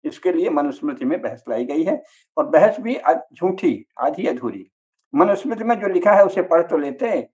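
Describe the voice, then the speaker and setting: Emphatic man, slightly high voice. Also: animated, normal speed, warm tone, husky, muffled recording. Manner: emphatic and argumentative, with rhetorical questions. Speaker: speaker on religion and politics. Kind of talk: forceful lecture-style discourse.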